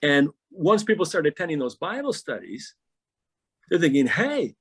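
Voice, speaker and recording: A man's voice: fairly high pitch, very animated, normal speed, husky. A middle-aged pastor in a podcast interview, telling stories animatedly and often repeating words as he starts a thought.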